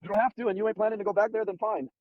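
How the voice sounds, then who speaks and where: A man's voice: high-pitched, steady tone, very fast, no room sound, narrow, tinny audio. A man hosting a casual advice chat, blunt, profane and streetwise, talking from a car. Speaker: host giving dating advice.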